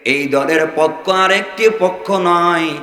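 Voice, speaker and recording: Chanting preacher, bright voice in echoey hall. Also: male voice, slow pace, faint music behind. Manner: chanting sermon, swings from shouts to low singsong. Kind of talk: sermon to a crowd.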